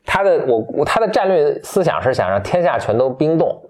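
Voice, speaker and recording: A man casually retelling a fairy tale from memory, loose and halting, with many restarts and fillers. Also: on the high side, big pitch swings. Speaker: storyteller.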